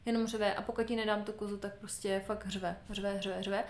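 A young woman co-hosting a casual podcast chat, talking candidly, laughing loudly and swearing casually. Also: medium pitch, flat delivery. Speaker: podcast co-host. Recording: roomy echo.

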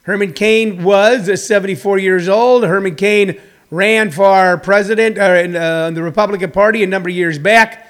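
A man hosting a live talk show with an off-the-cuff monologue, halting and emphatic, repeating phrases for weight. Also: high-pitched, fairly even intonation. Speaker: host of a daily live comedy talk show.

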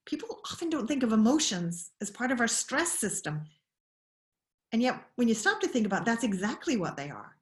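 A woman's voice: a little high, big pitch swings, a little fast. Earnest woman explaining in an echoey room. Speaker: parenting educator. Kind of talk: explanatory interview talk.

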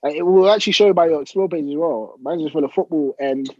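Husky young London roadman, slangy chat. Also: fairly high pitch, fast, no room sound, lo-fi sound. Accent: London, urban roadman slang. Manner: slangy, repeats phrases for emphasis. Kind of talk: casual group chat.

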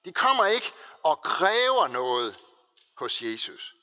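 A male pastor preaches with a bright, forceful tone and a lively, rising and falling voice. His delivery slows for weight, then pushes forward. The sound is dull and carries a long hall reverb. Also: on the high side. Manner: preaching with slow, weighty pauses and emphasis. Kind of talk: sermon.

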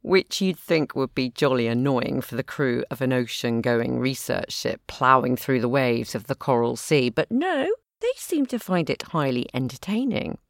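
A woman's voice: very deep voice, lively intonation, normal speed, creaky, hardly any pauses, dry recording, heavily acted. A woman narrating an audio drama in the first person with a dry, self-deprecating wit. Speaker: narrator and lead character.

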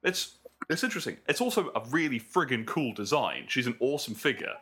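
A man co-hosting a casual podcast panel about video games, talking in a playful, lively way. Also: medium pitch, fairly quick, breathy edge. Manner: animated, playful, breaks into silly voices. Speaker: podcast co-host.

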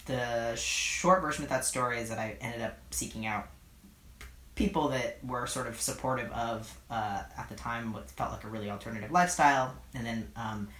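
A man in his thirties from California's East Bay, answering oral history questions in a hesitant, thoughtful way with many pauses, recorded in his apartment. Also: medium pitch, fairly bright tone. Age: 30s. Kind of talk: reflective interview answers. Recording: roomy apartment recording, faint noise.

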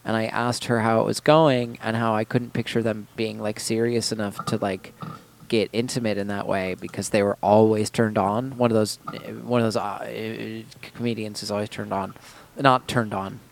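A man's voice: on the low side, flat delivery, normal speed, vocal fry. A man co-hosting a podcast, telling a rambling anecdote and correcting himself as he goes. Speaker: podcast co-host. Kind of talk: casual chat, storytelling.

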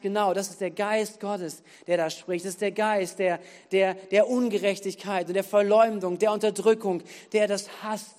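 A male pastor delivers a sermon with a fairly high voice, rising hard on key phrases of scripture. His words ring out in a church hall with a long reverb tail. He stumbles and restarts phrases as he preaches freely. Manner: emphatic preaching with dramatic scripture readings and restarts.

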